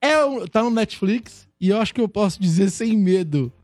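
A radio co-host with a high voice jokes and teases the others in casual banter. The sound is dry and close, with faint music playing behind him. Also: male voice, lively intonation, moderate pace, darkish tone, no echo. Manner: joking, teasing.

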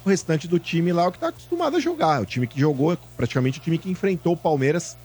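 A man's voice: fairly high pitch, very animated, fast talker, darkish tone, slightly rough. A Brazilian man bantering as a panelist on a sports radio show.

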